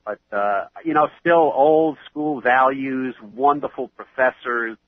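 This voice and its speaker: A man's voice: mid-range voice, measured pace, dry recording. A man in his fifties with a New York accent and a head cold, chatting as an interview guest over a phone line. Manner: chatty, rambling with fillers.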